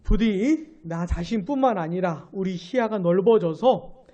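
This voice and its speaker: A pastor teaching scripture in an animated sermon. His voice swings up and down and jumps louder on key words, and he keeps repeating himself and asking the listeners whether they follow. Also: measured pace. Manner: animated, repeats phrases, asks listeners rhetorical checks; stresses words with sudden rises in pitch and loudness. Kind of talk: Bible exposition sermon.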